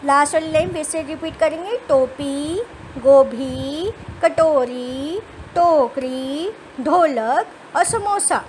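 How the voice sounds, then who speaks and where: Slow high-voiced woman teaching phonics. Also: a little mellow, slight background noise. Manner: sounds out words letter by letter, then says them whole; patient, explains words with everyday examples. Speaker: children's Hindi teacher. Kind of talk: slow spelled-out phonics lesson.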